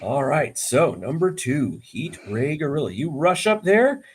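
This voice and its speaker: A man runs a tabletop game as game master. His husky, slightly high voice leaps all over the place. He cheers and whoops whenever a roll lands. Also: a little slow. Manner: excitable, whoops and cheers at hits.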